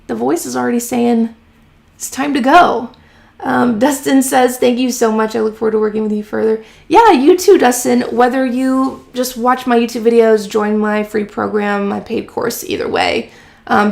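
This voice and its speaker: A woman hosting a casual live-stream Q&A, chatty and encouraging with lots of fillers, her voice going a bit hoarse from talking. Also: on the high side. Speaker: host of a freelance writing live stream. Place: home office.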